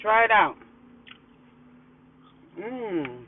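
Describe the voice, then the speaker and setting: A man's voice: high voice, big pitch swings, very slow, slightly rough. An American man chatting casually to viewers during a mukbang in a car, talking with his mouth full and murmuring between bites. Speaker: food vlogger. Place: inside a parked car. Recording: thin phone-like sound in a car.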